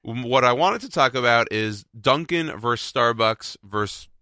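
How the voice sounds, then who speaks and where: A man hosting a radio show, chatting casually in the studio, a bit congested from a cold and talking in quick, self-interrupting bursts. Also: medium pitch, animated, sharp tone, no room sound.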